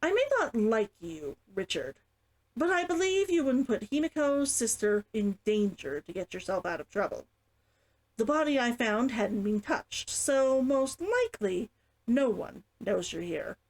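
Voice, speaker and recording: A woman's voice: on the high side, big pitch swings, measured pace, a little mellow, full character voice, rough recording. Woman reading as a blunt, suspicious female guard. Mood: stern warning. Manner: blunt, interrogating.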